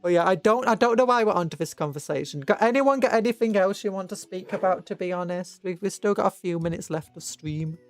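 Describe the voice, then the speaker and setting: A British livestream host talks casually over background music in a mid-range voice, going fast with few pauses. His chat rambles and hesitates, often trailing off and starting over.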